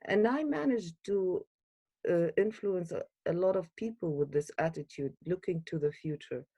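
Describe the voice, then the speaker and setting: A woman from Iraq, a guest in an interview, speaking earnestly and hesitantly with many pauses and fillers. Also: on the low side, warm tone, no room sound.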